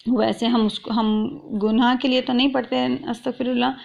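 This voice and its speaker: Woman teacher for an online lesson; raised pitch with some vocal fry, patient, stretches out syllables, dull lo-fi sound. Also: flat delivery, darkish tone. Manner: explains patiently, drawing out letters and syllables; mixes English words into her speech. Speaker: Quran tajweed teacher.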